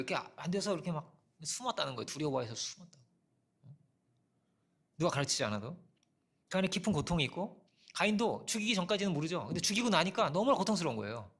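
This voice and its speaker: Gravelly, animated male pastor preaching. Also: fairly high pitch. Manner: conversational preaching with frequent rhetorical "어?"; storytelling with personal anecdotes. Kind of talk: sermon.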